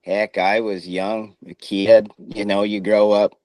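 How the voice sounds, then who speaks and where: A man's voice: fairly low pitch, level tone, takes it slowly, a little mellow, no room sound, poor audio. A middle-aged man who speaks through missing front teeth, chatting casually in an interview in a folksy, plain-spoken way. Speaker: former rodeo rider and coach.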